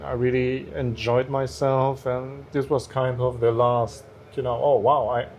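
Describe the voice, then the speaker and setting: A man's voice: medium pitch, level tone, unhurried, darkish tone, slight background noise. A man, a stand-up comedian guest, telling stories in a casual interview, hesitant with many restarts. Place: bar cellar.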